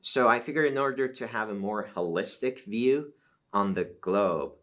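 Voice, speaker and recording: A middle-aged man from Iran, a native speaker of Azeri Turkish, is interviewed as a professor and answers in a measured, explanatory way full of fillers. His pitch is fairly low, and his tone is fairly bright.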